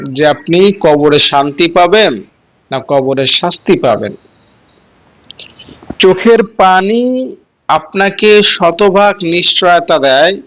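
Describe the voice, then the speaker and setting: A man's voice: a little high, fairly bright tone, low-quality recording. A man preaching a sermon in an earnest, pleading way, stretching out words for emphasis.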